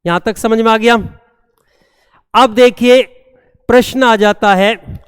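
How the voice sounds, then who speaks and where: A man teaching a classroom grammar lesson, repeating each term slowly and checking that students have understood. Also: very high-pitched, fairly even intonation, clear, resonant tone, clean studio sound. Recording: long hall reverb.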